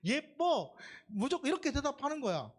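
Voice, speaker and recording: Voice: mid-range voice, very animated, brisk. A preacher giving a sermon in church during Sunday worship. The preacher talks conversationally, asks the congregation questions and acts out quoted dialogue.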